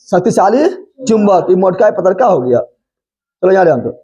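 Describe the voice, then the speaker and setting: A man's voice: high-pitched, sing-song, moderate pace, mellow, husky. A male physics teacher, lecturing a class, repeating every question back to the students and scolding them playfully. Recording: dull lo-fi classroom recording.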